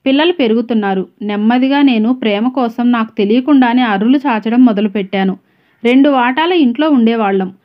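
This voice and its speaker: A woman voicing a gentle, long-suffering middle-aged housewife who confesses in a sorrowful way. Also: fairly high pitch, close to an everyday voice. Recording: dull lo-fi recording.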